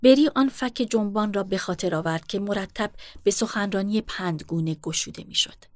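A woman reading a novel aloud in a steady, measured way as an audiobook narrator. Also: medium pitch, dry recording. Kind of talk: scripted narration.

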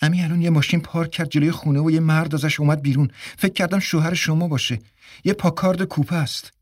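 Guy doing a jumpy young maid, high and rushed, dry close sound. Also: expressive, a little mellow, slightly rough, no room sound. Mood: urgent. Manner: high, urgent and hurried. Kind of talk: audiobook character reading.

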